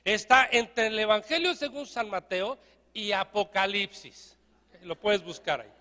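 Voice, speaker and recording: A Mexican-accented man preaches in a very high, bright voice, animated and jokey. He keeps getting the congregation to repeat lines back to him. The sound carries a long church-hall reverb. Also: measured pace. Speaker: pastor. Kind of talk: lively sermon.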